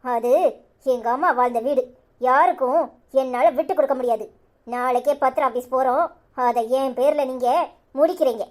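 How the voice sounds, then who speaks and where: A woman's voice: sits high, natural voice. A woman voicing a bitter, stubborn young married daughter in a cartoon serial, speaking with a Tirunelveli Tamil accent and firing accusing questions. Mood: commanding. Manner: accusing, insistent, rapid-fire questions.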